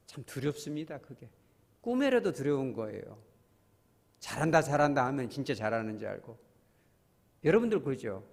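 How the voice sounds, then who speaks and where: A man's voice: mid-range voice, creaky, a little mellow, big-room sound. A man preaching a sermon as pastor, talking with the congregation in a conversational way, asking them questions and acting out voices. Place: church.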